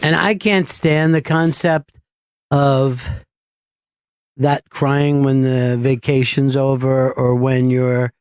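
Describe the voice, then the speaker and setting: A man's voice: mid-range voice, flat delivery, takes it slowly, darkish tone, clean tone, no echo. A man hosting a radio talk show, chatting casually at a studio microphone and drawing out words for emphasis.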